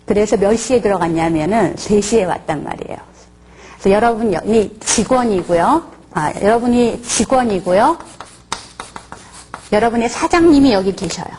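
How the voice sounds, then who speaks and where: A woman's voice: mid-range voice, animated, normal speed, darkish tone, a little hiss or hum. A woman professor giving a counseling course lecture, asking her audience questions and acting out short dialogues. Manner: asks the audience rhetorical questions; acts out short workplace dialogues.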